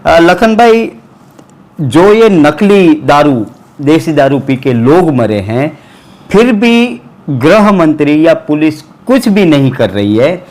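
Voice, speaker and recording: A man's voice: a little high, sing-song, takes it slowly, darkish tone. A man hosting a web news interview, agreeing with his guest and turning to address the viewers. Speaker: interview host.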